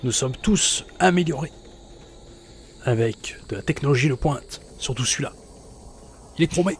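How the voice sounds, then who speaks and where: A man's voice: medium pitch, normal speed, a little hiss or hum, close to an everyday voice. A man playing a bluffing mechanic in a tabletop game, with glib, repetitive, reassuring patter. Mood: boastful. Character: bluffing, reassuring male mechanic boasting of his upgrades.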